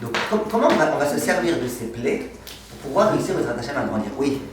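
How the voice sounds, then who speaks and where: A man teaching a lively, humorous class as a rabbi, asking the students questions and answering them himself as he tells anecdotes. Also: medium pitch, quick pace, crowd noise. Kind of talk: lively Torah lesson with humor. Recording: echoey room, mic far off.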